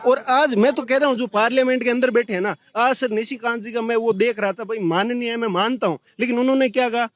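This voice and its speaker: Heated high-voiced young man protester. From Bikaner, India. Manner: heated, fast, indignant pleading. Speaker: protester interviewed on the street. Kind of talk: street interview.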